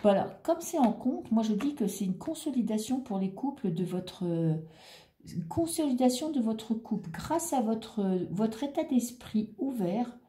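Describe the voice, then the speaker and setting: Fairly high and expressive, this woman's warm voice moves at a measured pace through an echoey room. As a tarot reader, she chats reassuringly and muses out loud while flipping cards in a casual reading.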